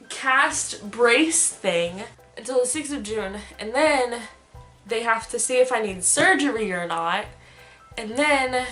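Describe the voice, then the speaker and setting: A young woman vlogging, telling a story in a casual, animated way and laughing often as she talks. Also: a little high.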